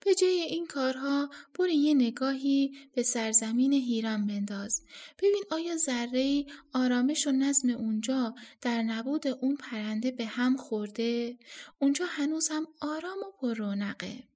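Stern old hermit sage, voiced by a woman narrator, slow, weighty scolding, storybook reading. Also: high-pitched, darkish tone.

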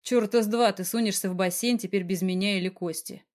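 A woman reading an audiobook and voicing a stern, protective young male boss who speaks slowly and firmly. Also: mid-range voice, fairly even intonation, a little mellow, lightly acted. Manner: slow, firm, growling.

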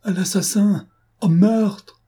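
A man reading an audiobook, voicing a desperate, scheming young noblewoman with a raised, strained pitch. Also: a little slow, mellow, husky. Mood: defiant, panicked. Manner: pleading then shrill and defiant.

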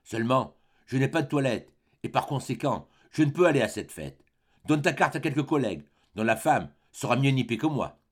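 A man reading an audiobook voices a discontented young wife, with a sharp, impatient delivery. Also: mid-range voice, animated, brisk, breathy edge. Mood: restrained.

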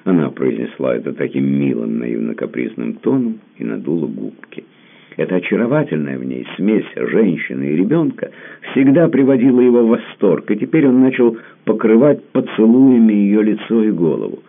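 A man reading a story aloud in a steady, measured way, heard through a tinny phone-like line. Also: lowish voice, gravelly. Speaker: reader.

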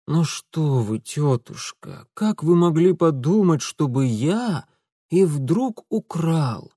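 A worn-out young man, as a reader puts him on, hoarse and barely able to push the words out. He drags slowly through each phrase in a dry, close storybook reading. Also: fairly high pitch, very animated, mellow, no echo, exaggerated voice. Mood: weary. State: hoarse and exhausted.

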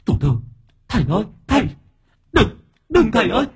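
A man's voice: high-pitched, sing-song, normal speed, creaky, breathy edge, voice pushed up, heavily acted. A man voicing a cowardly clown demon who stammers and whines in a pleading way. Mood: whimpering plea.

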